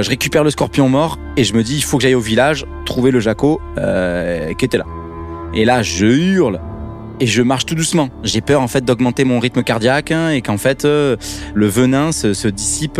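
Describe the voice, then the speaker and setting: Un homme qui raconte une aventure personnelle dans un podcast, de façon vivante et dramatique, avec un langage familier. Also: male voice, mid-range voice. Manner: lively, dramatic, casual slang. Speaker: podcast guest telling his story. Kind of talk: personal storytelling.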